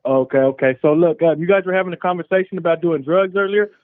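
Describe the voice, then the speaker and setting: A man's voice: fairly high pitch, fast talker, no room sound. A man calling in to a show, heard over a phone line through the speaker, talking in a laid-back, slangy, joking way. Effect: heard over a phone line through the show's speaker. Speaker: caller. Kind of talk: casual call-in chat. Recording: tinny phone-line audio.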